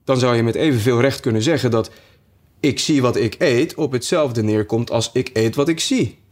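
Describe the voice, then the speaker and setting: A man voicing a rude, excitable hatter who grumbles and contradicts in an audiobook. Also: mid-range voice, moderate pace, close to an everyday voice. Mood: contrary. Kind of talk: audiobook character voice.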